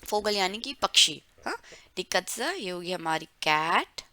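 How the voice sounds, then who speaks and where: Slow, bright-voiced woman teaching German. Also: lowish voice, very animated, dry recording. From India. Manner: drawn-out, careful word-by-word pronunciation drills. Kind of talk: explaining vocabulary to learners, mixing Hindi and English.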